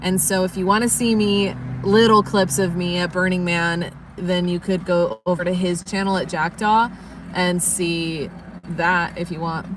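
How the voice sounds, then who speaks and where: A woman's voice: on the low side, fairly even intonation, measured pace, background noise. Sleepy chatty woman on a livestream. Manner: rambling, chatty, yawning. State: sleepy, just woke up. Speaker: livestream vlogger. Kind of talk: casual livestream chat.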